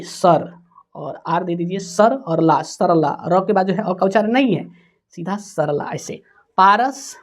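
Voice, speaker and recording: A woman teaching a spelling lesson, slowly sounding out words letter by letter. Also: medium pitch.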